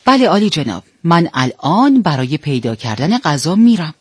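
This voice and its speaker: Wheedling storybook fox, male, sly and smooth-talking, a man voicing him, husky and fairly high. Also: big pitch swings, dry recording, studio quality. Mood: polite. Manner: wheedling and persuasive. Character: sly flattering male fox, the lion's minister.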